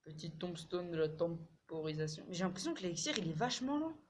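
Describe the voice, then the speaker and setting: A man commentating his own mobile game match in casual French slang, swearing and repeating words when excited. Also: high-pitched, a little fast, slight background noise.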